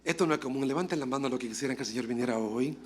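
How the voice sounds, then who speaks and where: A male pastor preaching a lively sermon, moving between loud exclamations and quiet asides and acting out dialogue as he tells stories. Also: medium pitch, rapid-fire, slightly rough. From Dominican Republic. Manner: acts out dialogue in storytelling.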